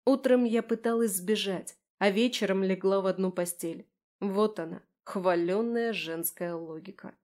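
A woman narrating a first-person audiobook in a wry, expressive way. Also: medium pitch, unhurried.

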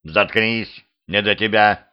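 A man voicing a gruff, practical cemetery watchman who talks bluntly and impatiently, on a dull lo-fi home recording. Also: on the low side, steady tone, slow pace. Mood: urgent.

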